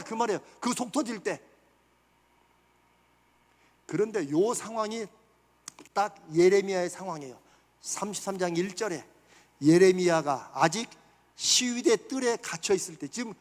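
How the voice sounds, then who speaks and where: A man with a strikingly high voice delivers a sermon in a church sanctuary. He keeps putting questions to his listeners and then answers them himself. Long reverb from the hall trails after each phrase. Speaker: pastor.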